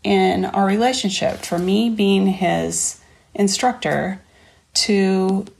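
A woman's voice: mid-range voice, creaky. A woman telling an earnest, heartfelt personal story about riding and training her horse. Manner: earnest, heartfelt, warmly reflective.

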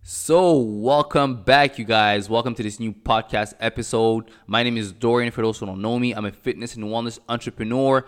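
A man from Cameroon, raised in Montreal, hosting a motivational podcast in an energetic style and repeating phrases for emphasis. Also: mid-range voice, moderate pace, few pauses, smooth. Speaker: podcast host.

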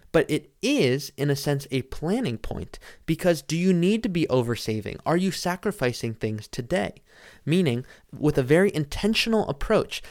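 A man's voice: mid-range voice, no room sound. Explanatory male podcast host, dry sound. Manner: poses rhetorical questions and answers them. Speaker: podcast host and financial planner. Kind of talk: solo podcast talk, explanatory and direct to listener.

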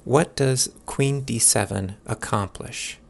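A man giving instructional chess commentary in a measured way, posing questions to the listener as he analyses a game. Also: medium pitch, creaky.

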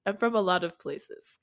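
A woman's voice: medium pitch, a bit bright. A woman from Nigeria co-hosting a podcast, talking in a thoughtful, earnest way with small laughs. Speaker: podcast co-host. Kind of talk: casual podcast chat.

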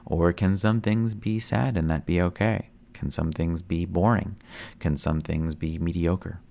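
A man's voice: low voice, creaky, a little mellow. A man hosting a stream-of-consciousness podcast, musing reflectively in a rambling way with many fillers and restarts. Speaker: podcast host.

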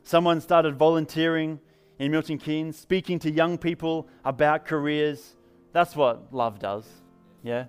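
This English-accented pastor, from England, tells stories in an upbeat, conversational sermon at a church service, with faint music behind him. His voice is on the high side, smooth and steady in tone, and a little slow.

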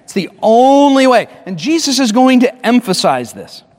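Pastor guy preaching, kinda high voice, lots of restarts and stressed slow bits, big echoey church sound. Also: big pitch swings, darkish tone. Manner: emphatic, repeats and restarts phrases, slows down for stress. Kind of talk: sermon. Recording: long hall reverb.

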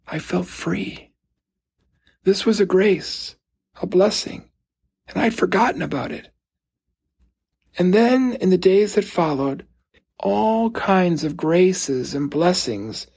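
A man giving a slow, reflective homily as a priest, pausing gently between phrases. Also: sits high, gravelly, breathy edge. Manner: slow, gentle, thoughtful pauses.

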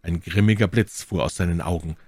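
A man narrating a classic adventure novel as an audiobook reader, in a steady storytelling manner. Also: deep voice, fairly quick, no room sound, studio quality. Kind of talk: scripted narration.

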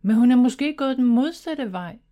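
A woman's voice: fairly high pitch, animated, warm tone, voice pushed up, natural voice. A woman voicing a cautious, worried teenage big brother in a children's storybook.

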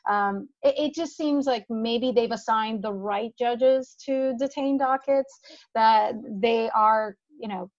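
A Dominican woman in her thirties, an immigration attorney, chats casually about her work, often restarting her sentences. Her voice sits on the high side, and the recording is lo-fi.

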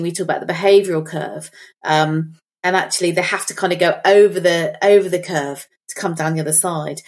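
A middle-aged woman, chatting on a podcast and telling stories while thinking aloud. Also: lowish voice. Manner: reflective, storytelling, thinks aloud. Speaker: podcast co-host. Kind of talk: casual chat.

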